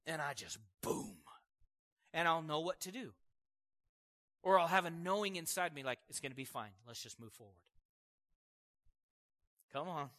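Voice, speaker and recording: A man preaching a conversational sermon, asking the listeners questions and chuckling as he goes. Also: on the high side. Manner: conversational and animated, asking the audience questions, laughing.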